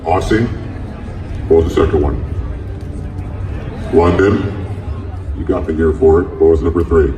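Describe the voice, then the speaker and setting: Deep deadpan man on a festival stage. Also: slight background noise. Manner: deadpan, mock-proud, doing deliberately bad accents. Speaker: comedian performing live. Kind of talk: stand-up comedy set. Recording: roomy, distant, dull audience recording with crowd.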